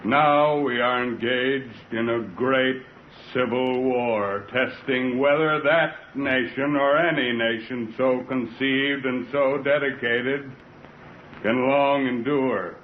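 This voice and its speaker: An actor playing a solemn president delivering a measured, declamatory speech in an old-time radio drama. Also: male voice, medium pitch, fairly even intonation, lightly acted. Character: solemn President Lincoln delivering a public oration. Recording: tinny, noisy vintage radio recording.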